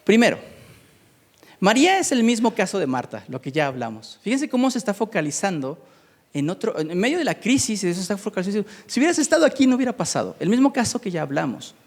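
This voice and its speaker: A man's voice: sits high, brisk. A man preaching a sermon, reading scripture and explaining it with many restarts and repeated words. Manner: expressive, repeats words and restarts while searching for them; reads scripture aloud then explains it to the congregation. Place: church hall. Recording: long hall reverb.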